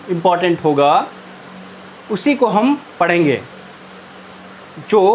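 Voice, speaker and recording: A man teaching an English grammar lesson, slowly repeating and dictating each term. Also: high-pitched, a little hiss or hum. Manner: slow, repetitive dictation of terms.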